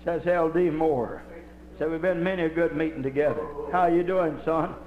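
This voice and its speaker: An older man preaching a Holiness sermon in fervent, folksy storytelling style. His voice sits fairly high for a man. The live church recording carries a roomy echo. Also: fairly even intonation, moderate pace, muffled recording, crowd noise. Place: church with congregation.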